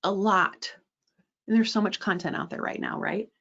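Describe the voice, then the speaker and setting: A woman's voice: medium pitch, normal speed, fairly bright tone, lo-fi sound. A woman presenting a fundraising webinar, direct and emphatic, often checking in with a rhetorical "right?" and adding sarcastic asides.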